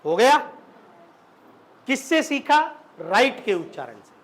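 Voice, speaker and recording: A man's voice: extremely high pitch, very animated, slow pace, fairly bright tone. A man teaching a classroom lesson on English spelling, asking the students questions and repeating them. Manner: slips into local Rajasthani dialect.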